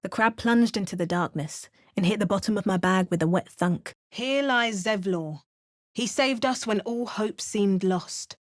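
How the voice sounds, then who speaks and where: A woman with a mid-range, natural voice speaks unhurriedly as a video game's player character, a resolute, wry female adventurer who narrates and drops dry, understated remarks.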